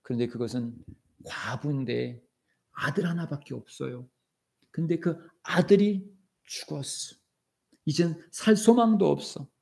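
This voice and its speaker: Korean pastor guy preaching, gravelly voice a bit high, gets loud and dramatic. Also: unhurried. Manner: dramatic preaching, acting out quoted voices, shouting commands. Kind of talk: sermon. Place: church sanctuary.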